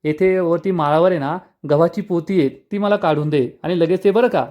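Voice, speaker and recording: A man's voice: fairly high pitch, moderate pace, muffled recording, lightly acted. A man voicing a crafty, motherly middle-aged woman who gives sweet commands. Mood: coaxing.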